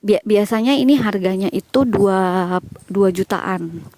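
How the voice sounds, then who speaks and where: A woman's voice: medium pitch, unhurried, a little mellow, no echo. Chatty Indonesian woman vlogging on a walk. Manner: chatty, reads out and answers live questions. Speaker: vlogger answering viewer questions. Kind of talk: casual chat while walking. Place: outdoors walking through a quiet village.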